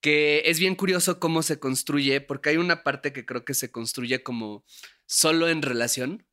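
Podcast host, young Mexican man, bright forward voice, loose talkative delivery with frequent laughs. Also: a little high, moderate pace. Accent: Mexican Spanish. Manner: chatty, laughs often, frequent tag questions. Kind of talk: casual conversation.

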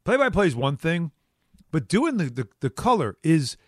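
Middle-aged man, fifties, higher voice, animated emphatic sports talk host, casual, dry close sound. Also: normal speed, no echo. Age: 50s.

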